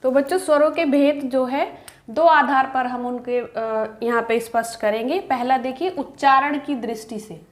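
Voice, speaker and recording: A woman teaching a grammar lesson to students, asking the class questions and then answering them herself, and drawing out the example vowel sounds slowly. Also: high-pitched. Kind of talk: Hindi grammar lecture to students. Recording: roomy echo.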